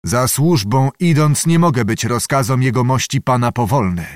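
A man's voice: medium pitch, moderate pace, dry recording, clean studio sound, natural voice. A man voicing a grave young lieutenant who speaks sternly and with restraint in a storybook reading. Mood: grim restraint. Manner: stern, controlled, solemn.

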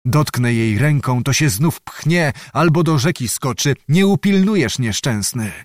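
A man's voice: medium pitch, animated, a little slow, dry recording, studio quality, lightly acted. A man reading an audiobook, voicing a brooding, passionate young Cossack chieftain who speaks in tormented outbursts. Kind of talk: audiobook character voice.

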